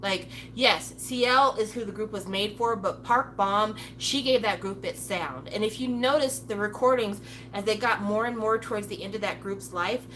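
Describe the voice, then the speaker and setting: A woman commentator gives a blunt, casual opinion monologue, swearing freely and slipping into playful impressions of other people. Her mid-range voice is fairly bright, on a rough recording with slight background noise.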